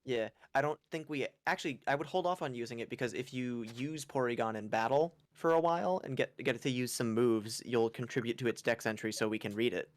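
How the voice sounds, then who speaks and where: A man's voice: mid-range voice, fairly quick, hardly any pauses. Rambling, self-mocking gaming streamer guy. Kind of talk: casual chat over gameplay.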